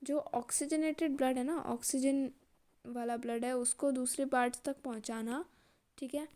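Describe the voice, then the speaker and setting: A young woman with a slightly high voice gives a revision lesson. She reads definitions out slowly in English, then talks them through in relaxed Hindi. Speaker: teacher.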